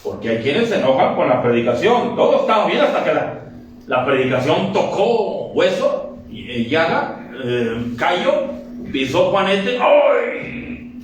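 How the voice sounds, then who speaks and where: A male pastor preaches in a conversational, joking way, acting out little scenes. His voice sits a bit high and sounds roomy and distant, with a faint hiss. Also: sing-song. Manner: joking, conversational, acts out quick dialogues. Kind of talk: lively sermon. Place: church sanctuary. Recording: very echoey church from a distance.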